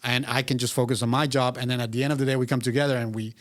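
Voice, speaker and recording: A middle-aged man from Venezuela, a guest business consultant, telling his story in a measured, reflective way with frequent restarts. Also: medium pitch, flat delivery, dry recording, clean studio sound. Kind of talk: casual interview.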